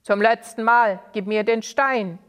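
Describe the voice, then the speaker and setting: A woman reading a children's story, voicing a spiteful, triumphant old male sorcerer who speaks loudly and gloats. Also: sits high, lively intonation, measured pace, creaky, heavily acted. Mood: harsh. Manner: loud and gloating.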